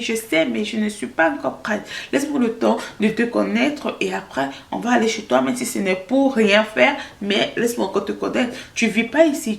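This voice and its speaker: Gravelly-voiced woman telling a personal story. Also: reverberant. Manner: animated, quotes dialogue with rising pitch. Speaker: storytelling vlogger.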